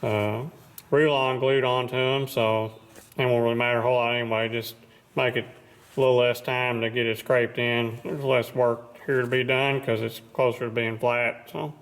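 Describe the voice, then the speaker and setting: A man's voice: mid-range voice, little pitch movement, normal speed, low-quality recording. Plainspoken man explaining machine work. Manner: plainspoken, modest, matter-of-fact. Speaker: machinist presenting his repair work. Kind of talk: casual workshop explanation.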